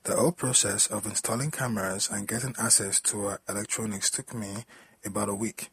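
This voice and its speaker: A man reading a story aloud in a plain, steady storytelling manner. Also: fairly low pitch, brisk, gravelly, breathy edge, poor audio. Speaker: story narrator.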